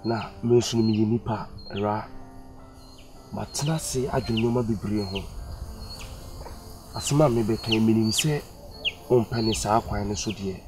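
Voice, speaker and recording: A man's voice: lowish voice, unhurried, long pauses, over music, natural voice. A man with a Ghanaian accent playing a broke young man who earnestly pleads with his girlfriend in a comedy skit. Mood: pleading. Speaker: poor boyfriend.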